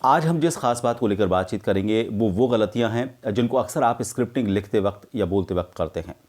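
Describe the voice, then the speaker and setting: A middle-aged man teaching script writing for news, explaining in a measured way with frequent hesitations. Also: on the low side, lively intonation, a little mellow. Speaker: media teacher. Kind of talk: explaining script mistakes to camera.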